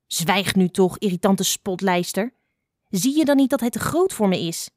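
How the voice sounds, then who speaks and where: A woman voicing a blind, sharp-tongued old female fox who scolds impatiently. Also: mid-range voice, lively intonation, moderate pace, dry recording, studio quality, close to an everyday voice. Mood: stern.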